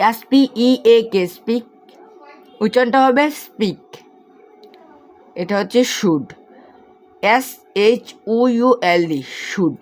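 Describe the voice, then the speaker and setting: Woman, online English tutor, unhurried drilling pronunciation lesson. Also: mid-range voice. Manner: spells words letter by letter, repeats and quizzes. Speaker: English teacher.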